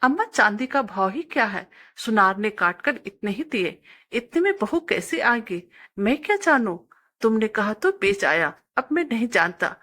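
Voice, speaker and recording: A woman voicing a poor, dutiful young village man who gently answers his mother and pleads for help. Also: fairly high pitch, big pitch swings, measured pace, heavily acted. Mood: pleading.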